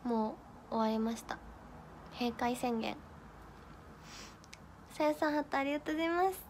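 A young woman with a high, light voice chats casually on her livestream, thanking viewers and answering their comments. She giggles often and plays along as she trips over tongue twisters. Her talk stays bubbly and relaxed. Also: moderate pace, a little hiss or hum. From Miyagi, Japan. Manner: giggly, playful, stumbling through tongue twisters. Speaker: idol livestream host.

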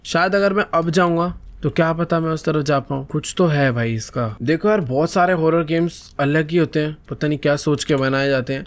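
A young man with a Hindi accent doing excitable let's play commentary of a horror game, talking to viewers with jumpy startled cries. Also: a little high, a little hiss or hum. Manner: excitable, talks to viewers, jumpy frightened exclamations. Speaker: gaming YouTuber.

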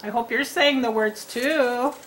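A woman reading teacher giving a lesson to young children at a tabletop, speaking in a slow, encouraging way and sounding words out. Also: on the high side, a bit bright. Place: indoors at a tabletop.

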